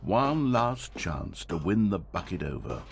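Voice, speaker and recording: A man's voice: low-pitched, big pitch swings, measured pace, creaky, breathy edge, heavily acted. An actor playing a wry, omniscient video game narrator, a man with a grandiose, articulate, dramatic delivery. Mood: solemn, melancholic. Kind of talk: scripted storybook-like game narration.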